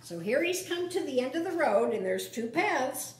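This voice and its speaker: A woman reading a children's picture book aloud at storytime, expressive, with asides to her young listeners. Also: sits high, moderate pace, recorded from a distance. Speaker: storytime reader. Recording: echoey room.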